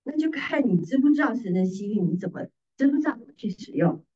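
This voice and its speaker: Preaching in Mandarin alongside slides, this middle-aged pastor's wife teaches through repeated phrases and rhetorical questions. Her fairly high, warm voice moves quickly with lively intonation, though the distant microphone leaves it a little muffled.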